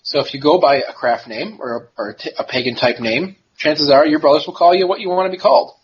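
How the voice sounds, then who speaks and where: A male guest explaining things in a relaxed, informal, easygoing chat. His voice sits somewhat higher than most men's. The sound is dull and lo-fi. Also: quick pace. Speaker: interview guest.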